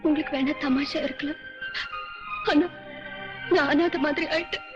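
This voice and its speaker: A woman's voice: high-pitched, steady tone, normal speed, muffled recording, music in the background, lightly acted. A woman playing a hurt young student. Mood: pleading. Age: young adult. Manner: hurt, pleading. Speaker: college student. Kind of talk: 1990s film drama acting.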